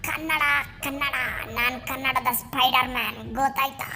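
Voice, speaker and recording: A brash cartoon boy thrown in jail, full of swagger and street-slang taunts, as a woman acts him out. The voice sits very high and piping throughout, pushed hard for comic effect in a homemade spoof dub. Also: steady tone, normal speed, bright, forceful tone, faint music behind. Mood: cocky. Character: Nobita as a cocky jailed boy don. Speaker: voice actor in a fan spoof dub.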